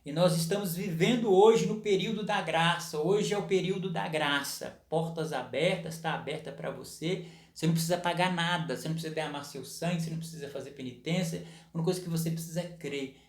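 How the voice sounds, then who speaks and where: A man's voice: on the high side, fast talker, hardly any pauses, echoey room. A man preaching a sermon, explaining scripture with frequent rhetorical questions and tag questions. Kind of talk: sermon teaching.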